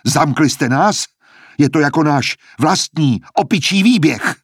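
A man reading a defiant, angry young student who argues in raised, heated retorts with a husky voice. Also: medium pitch, lively intonation, a little mellow, no echo, clean studio sound.

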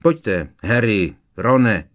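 A man's voice: lowish voice, animated, close to an everyday voice. A man voicing a fiery, indignant teenage schoolgirl who talks in an agitated, raised voice.

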